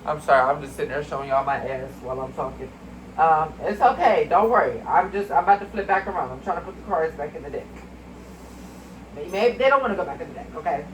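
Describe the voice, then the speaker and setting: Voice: medium pitch, expressive, fast talker, a little hiss or hum, low-quality recording. A spiritual card reader in a casual, rambling video, talking mystically to viewers as y'all and sounding a bit congested. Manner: chatty, addresses viewers as y'all.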